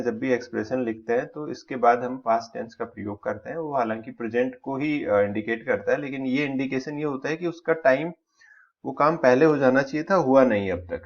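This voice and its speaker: A man teaching exam vocabulary, explaining words step by step and listing their synonyms. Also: mid-range voice. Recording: slightly dull lo-fi sound.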